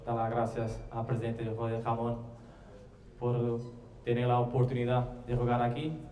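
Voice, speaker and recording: A man with a Portuguese accent mixes Spanish and Portuguese as he gives halting answers as a new player at a press conference. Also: mid-range voice, level tone, mellow. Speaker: newly signed athlete. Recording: roomy, distant mic, faint noise.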